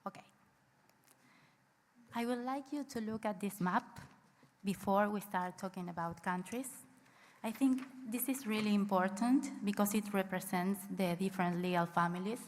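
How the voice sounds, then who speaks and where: A woman's voice: medium pitch, moderate pace, a little hiss or hum. A woman from Argentina giving a conference presentation in a friendly, explanatory way. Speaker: panel speaker. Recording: long reverb of a hall.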